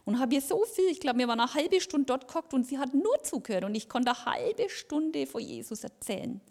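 Woman, lay speaker, lively testimony with acted-out dialogue, slightly high voice. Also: a little fast. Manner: lively storytelling, acting out dialogue. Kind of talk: personal testimony in a church service. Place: church service.

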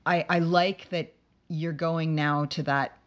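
Low-voiced woman hosting a warm chat. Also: steady tone, takes it slowly. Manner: affirming, searching for words, reflective. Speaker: interview host, musician. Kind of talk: casual interview conversation.

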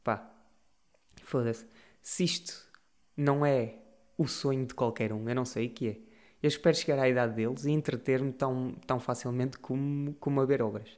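A man's voice: mid-range voice, steady tone, moderate pace, darkish tone. A young man with a European Portuguese accent, hosting a casual solo podcast and ranting with exasperation and frequent swearing. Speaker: podcast host.

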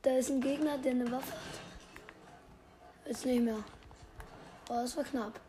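A teenage girl with a hoarse, cracking voice, hosting casual game commentary in slangy, excitable bursts that drop to whispers. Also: high voice, unhurried, slight background noise. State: strained, cracking voice. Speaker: gaming podcast host.

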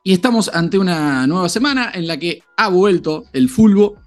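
A man's voice: high-pitched, expressive, moderate pace, soft background music. A man hosting a casual sports podcast and addressing his co-hosts with mock formality. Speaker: podcast host. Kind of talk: casual podcast chat, quiz master.

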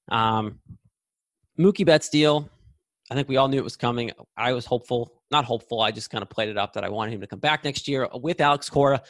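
A podcast co-host, a man in his late twenties, makes blunt, opinionated arguments in a casual chat. His middle-pitched voice is a bit bright and sounds dry and close, without room echo.

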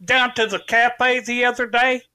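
A man playing a dim-witted, earnest rural brother who talks in a slow, ungrammatical backwoods drawl. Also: very high voice, little pitch movement, pushed and bright, smooth, heavily acted.

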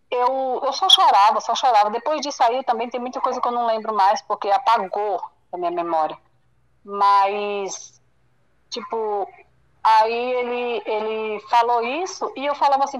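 A Brazilian woman with a fairly high voice tells her story in an interview. She speaks haltingly and circles back on her own words. She slips into the voices of the people in the conversations she recalls. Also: a bit bright, muffled recording. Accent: Brazilian Portuguese. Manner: halting, repeats herself, acts out dialogue. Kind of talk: emotional personal testimony.

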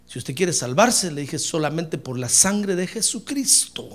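A man pastor preaching a sermon, emphatic and addressing listeners as brother, swinging from hushed asides to shouted praise. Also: a little high, big pitch swings, unhurried.

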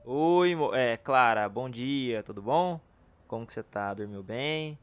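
A man playing a nervous, lovesick detective who rambles excitably and talks to himself in acted comedy-drama dialogue. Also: mid-range voice, measured pace, clear, resonant tone, lightly acted. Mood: nervous, sweet. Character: nervous lovesick male detective, awkward, self-doubting, eager.

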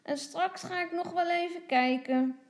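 A woman's voice: very high voice, measured pace, reverberant, voice pushed up. A woman playing a scolding cross mother. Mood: calm. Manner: scolding, loud and sharp. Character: cross mother, strict and exasperated.

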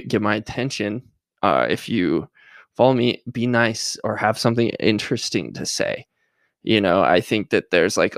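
A man's voice: lowish voice, vocal fry, no room sound, studio quality. A young man talking casually in a sarcastic, rambling vlog monologue full of fillers. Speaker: social media creator.

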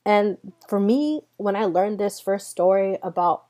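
This solo podcast host is a woman in her twenties, a native Spanish speaker, who tells personal stories with earnest sincerity and talks directly to listeners. Her medium-pitched voice is dark in tone and unhurried.

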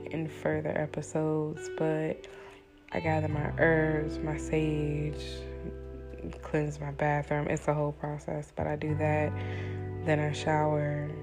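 A woman hosts her own casual solo podcast, speaking hushed, deep and slow so her baby stays asleep. Her tone is even with little rise and fall, relaxed and candid with fillers and some swearing, while plucked guitar music plays clearly underneath.

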